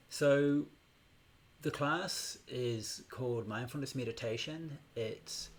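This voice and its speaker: Middle-aged New man, gravelly voice, meditation teacher opening a live-streamed class, unhurried and hesitant. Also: mid-range voice, a little hiss or hum. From New Zealand. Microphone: new microphone on a laptop setup.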